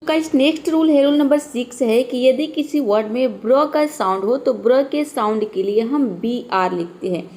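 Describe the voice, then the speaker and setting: Lady teacher explaining spelling rules, slightly high voice, patient, keeps saying theek hai. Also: moderate pace, few pauses, a little mellow. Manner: patient, repeats "ठीक है" and "देखिए" often. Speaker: English teacher. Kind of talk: classroom spelling lesson.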